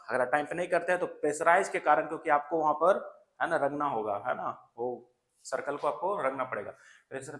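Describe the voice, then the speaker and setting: A man's slightly high, fairly bright voice carries through a roomy-sounding coaching session for exam preparation. As a teacher, he repeats key terms and regularly checks on students with "है ना" and "clear".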